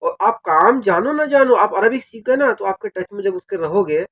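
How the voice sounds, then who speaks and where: High-voiced man, casual explainer. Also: lively intonation, normal speed, fairly bright tone. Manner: conversational, fillers like "theek hai" and "yaar", addresses viewers directly. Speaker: video creator giving advice on working in Saudi Arabia.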